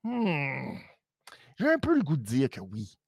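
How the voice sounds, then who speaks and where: A man with a Quebec French accent recapping a wrestling show in casual live-stream commentary, animated and mock-dramatic, with frequent hesitations. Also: mid-range voice, a little fast, slightly rough, dry recording, highs cut off.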